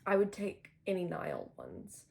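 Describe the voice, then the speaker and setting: A young woman vlogging casually about her day, with a husky voice, relaxed and slangy, sometimes dropping to a whisper. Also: on the low side, unhurried. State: husky from headaches. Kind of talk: casual vlog chat.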